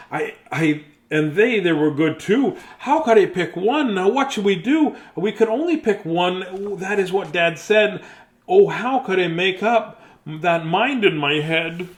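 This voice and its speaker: With a high-pitched voice, a man reads a children's bedtime story aloud, performing it playfully and theatrically while tossing in chatty, casual asides.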